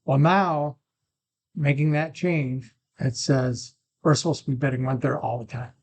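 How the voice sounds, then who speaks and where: A man's voice: medium pitch, fairly even intonation, measured pace, darkish tone. Casual man talking through a poker tutorial. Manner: informal, thinking aloud, occasional throat clearing. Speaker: poker strategy video presenter. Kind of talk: casual screen-share tutorial, talking off the cuff. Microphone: makeshift mic, not a dedicated one. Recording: muffled, without a proper microphone.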